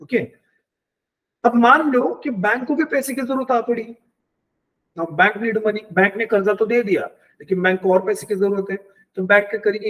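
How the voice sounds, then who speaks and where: Husky high-voiced man teaching banking. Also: a bit bright, rough recording. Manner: explains step by step with worked examples, mixing English terms; checks in with the class often. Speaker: banking exam lecturer. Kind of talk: online lecture.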